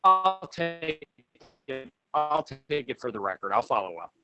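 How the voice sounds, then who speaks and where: A man's voice: mid-range voice, sing-song, unhurried, sharp tone, clear, resonant tone, no echo, dull audio, faint music behind. A man on a school board meeting, speaking over a remote conference call that breaks up, hesitant and apologetic. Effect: remote conference call audio that breaks up. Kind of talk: meeting discussion. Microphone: remote call line.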